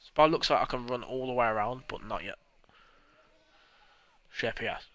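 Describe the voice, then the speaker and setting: A man rambles through a game stream in a bright, forceful voice, cracking jokes and swearing. His mic is close and the sound is dry, with no room around him. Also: mid-range voice, animated, moderate pace, dry recording. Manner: rambling and jokey, swears often. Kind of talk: casual gameplay commentary.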